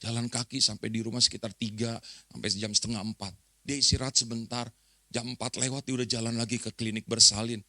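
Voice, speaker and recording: A middle-aged male pastor, preaching a lively sermon to his congregation and acting out the people in his stories. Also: mid-range voice, quick pace, dry recording. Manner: chatty, addresses the congregation directly. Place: church.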